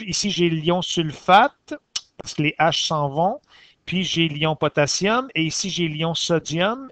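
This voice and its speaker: A man's voice: fairly high pitch, a bit bright, dry recording. A man with a Quebec French accent, a science teacher walking through exercise corrections step by step and stopping to fix his own slips. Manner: methodical, explains step by step, pauses to correct himself.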